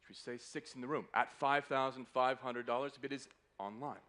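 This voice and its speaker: A man's voice: mid-range voice, fairly even intonation, brisk, a bit bright. A man working as a fine art auctioneer, calling a live sale with polite, courteous patter that keeps repeating the bids. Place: live auction room in a hotel.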